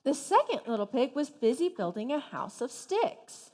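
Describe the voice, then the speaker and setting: A woman's voice: high-pitched, very animated, normal speed, darkish tone. A woman narrating a fairy tale in a stage play, with a patient but exasperated storytelling manner. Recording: stage in a reverberant hall with music.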